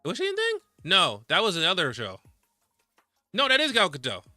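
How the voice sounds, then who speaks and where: A man's voice: high-pitched, wildly swooping pitch, moderate pace, pushed and bright, dry recording, faint music behind. A young man streaming a game, rambling casually and reading the game's narration aloud. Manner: rambling, laid-back, reads narration aloud.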